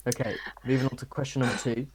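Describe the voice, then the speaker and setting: A man runs a casual podcast quiz for his friends, his voice pitched in the middle range for a man. He reads lyric lines slowly and evenly, then moves briskly on to the next answer. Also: steady tone, a little hiss or hum. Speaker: podcast host running a song quiz.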